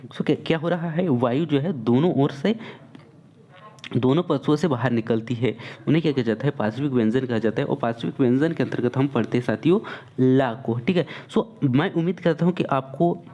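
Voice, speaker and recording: A man gives a Hindi grammar lesson with a warm, mellow voice. He keeps repeating terms and poses questions to his students, then answers them himself. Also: medium pitch, a little fast, muffled recording. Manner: repetitive, asks and answers own questions, addresses students as friends. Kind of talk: online exam-prep lesson.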